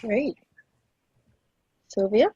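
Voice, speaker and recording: A woman hosting a podcast, asking her guests questions in a quick, animated way. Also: medium pitch, slightly rough. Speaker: podcast host. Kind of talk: interview questions.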